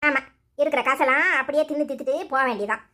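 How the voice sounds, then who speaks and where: Speaking Tirunelveli Tamil, a woman plays a nagging, sharp-tongued old mother-in-law in a cartoon, firing off quick, sarcastic scolding. Her voice sits high.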